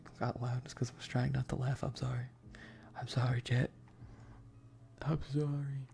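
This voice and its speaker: Softly and casually, an ASMR streamer talks at normal speed in a medium-pitched voice with little pitch movement, breathy and frequently whispered. She rambles and hesitates self-deprecatingly, and slight background noise can be heard.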